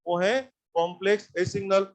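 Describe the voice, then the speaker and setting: A man's voice: high voice, fairly even intonation, fairly quick. A man teaching an electronics class, who talks bluntly, scolds his students and keeps firing questions at them.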